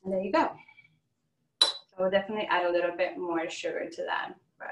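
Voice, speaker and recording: A woman demonstrating a do-it-yourself oil blend in a casual class, chatty and quick to laugh. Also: fairly low pitch, fairly even intonation, fairly bright tone. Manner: chatty, laughs often, upbeat. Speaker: essential oils class host. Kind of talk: hands-on demonstration with chat. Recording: roomy, distant from the mic.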